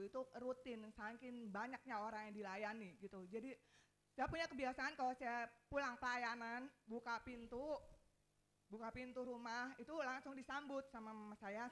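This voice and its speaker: Passionate woman preaching. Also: a little high. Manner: emotional storytelling, swings from loud pleading to soft murmur. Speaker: pastor. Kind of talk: sermon.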